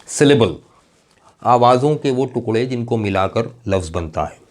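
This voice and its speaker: Male teacher, mid-pitched, patient lecturing delivery with drawn-out example words. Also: expressive, darkish tone. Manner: explains patiently, spells words out slowly letter by letter, checks understanding often. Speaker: English teacher. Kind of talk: classroom lecture.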